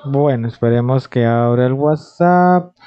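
A middle-aged man speaks through a headset microphone in a slightly dull, lo-fi recording. His pitch is average for a man, and he explains software steps in a conversational, instructive tutorial style. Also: unhurried, clean tone. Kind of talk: informal screen-reader software tutorial. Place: small indoor room.

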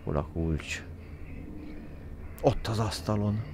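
A man giving joking let's-play commentary as a game streamer, excitably yelling at his character. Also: on the low side, noisy background.

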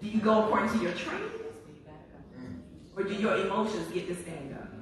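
A woman pastor preaching a sermon in a church, animated and expressive, climbing to high, loud exclamations. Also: brisk. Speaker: guest pastor. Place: large church sanctuary. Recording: echoey church hall from far off.

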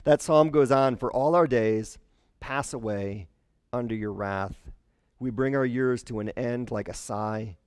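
Animated man preaching, dry close sound. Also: medium pitch, unhurried, smooth, no room sound. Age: 40s. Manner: conversational, animated, acts out quotes in character voices. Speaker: pastor. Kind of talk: sermon. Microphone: headset mic.

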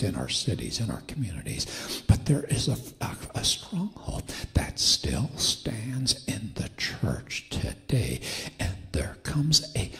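A man's voice: fairly low pitch, vocal fry. A man preaching a sermon in a church sanctuary with an impaired, whispery voice, building to emphatic fervor. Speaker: guest preacher.

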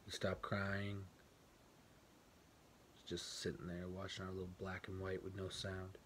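Deep-voiced grown man, guarded and bitter, as played by an actor; clipped, quiet monologue with a tense edge. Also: monotone, a little slow, slight background noise. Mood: subdued. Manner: clipped, quiet, plainspoken recollection. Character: grown man, guarded and bitter, recalling his mother leaving. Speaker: actor performing a film monologue. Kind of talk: stage monologue, told to a listener. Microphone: home webcam for an online event.

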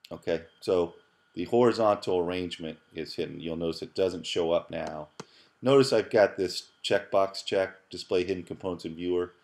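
A middle-aged professor teaching app programming narrates a screencast tutorial in a deep, slightly mellow voice. He thinks aloud casually, using fillers and repeated words.

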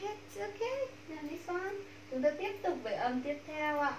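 A Vietnamese woman teaching English pronunciation to a class, drawing out model words slowly and repeating them. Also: high voice, expressive, distant mic. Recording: echoey room, voice from off mic, faint background hum.

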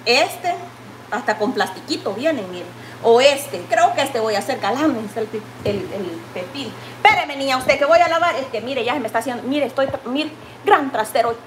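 Guatemalan lady cooking at home, high voice, echoey kitchen, pan sizzling behind her. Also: lively intonation, normal speed, slight background noise. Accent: Guatemalan Spanish. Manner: homey and chatty, constantly says "mire" and calls viewers "mamayita". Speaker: cooking vlogger. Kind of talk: chatty home cooking vlog. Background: frying and sizzling pan.

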